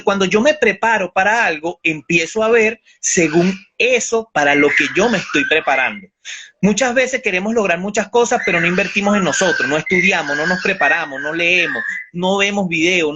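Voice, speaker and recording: A man speaking as a guest on a motivational show, with a forceful, preaching delivery. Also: high-pitched, normal speed, highs cut off, noisy background. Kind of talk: motivational talk.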